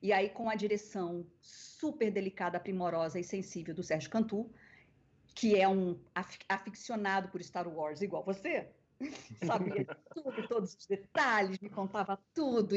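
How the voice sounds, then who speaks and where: Husky Brazilian voice actress telling stories. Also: female voice, medium pitch, normal speed. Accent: Brazilian Portuguese. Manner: animated storyteller, acting out quoted voices. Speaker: guest voice actress. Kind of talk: casual interview storytelling. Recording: dull lo-fi podcast audio.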